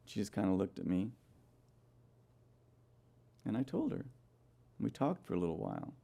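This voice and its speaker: A man's voice: lowish voice, very animated, moderate pace, gravelly, mellow. A man giving a sermon-style Bible study lecture, telling stories and throwing rhetorical questions at his listeners. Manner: storytelling with rhetorical questions to the audience; frequent "okay?" checks with listeners.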